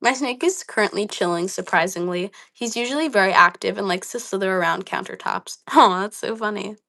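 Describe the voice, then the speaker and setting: This young livestream host chats casually and reads out comments, sprinkling in plenty of ums and likes. Her voice is medium-pitched and slightly dry, with vocal fry and a bright, forceful tone, and she talks briskly.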